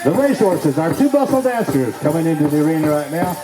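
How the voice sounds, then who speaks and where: A man working as a powwow emcee, announcing the grand entry to the crowd in a folksy, showman's manner with drawn-out phrases. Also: fairly high pitch, very animated. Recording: echoey PA sound with music behind.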